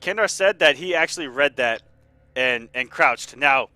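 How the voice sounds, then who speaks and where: A man giving live fighting game commentary in an excitable, informal way. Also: mid-range voice, normal speed, slight background noise. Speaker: esports commentator.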